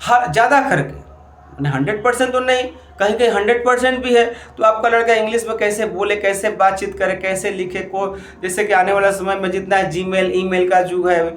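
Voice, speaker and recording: A man's voice: high voice, steady tone, moderate pace, fairly bright tone, roomy sound. A man teacher giving parents step-by-step advice in a classroom-style talk, often saying "look" and restarting his sentences. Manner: repeats "dekhiye" often, talks in steps with restarts. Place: room with a board.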